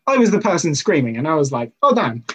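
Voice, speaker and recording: A man's voice: a little high, big pitch swings, fast talker, breathy edge, rough recording. A man giving an informal sermon to a youth group, talking conversationally with personal stories and rhetorical questions.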